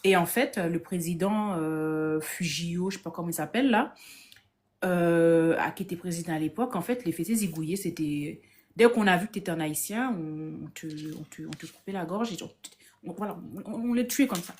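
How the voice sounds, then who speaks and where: Streaming live from her phone as a discussion guest, this woman recounts a story in an easygoing way with plenty of energy. Her voice sits lowish at a normal speed, and she often starts phrases over while voicing the characters in her tale.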